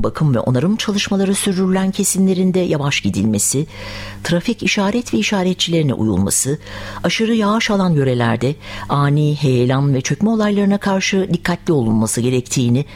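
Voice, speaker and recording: An announcer reading scripted news and road bulletins in a formal, measured manner. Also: medium pitch, a little mellow.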